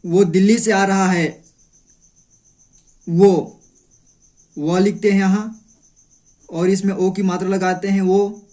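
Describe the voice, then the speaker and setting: A man with a fairly high voice teaches the script slowly, breaking words into syllables and saying each sound several times. He speaks unhurriedly and patiently, pausing between short phrases. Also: flat delivery, warm tone. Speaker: Hindi teacher. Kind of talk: slow step-by-step lesson.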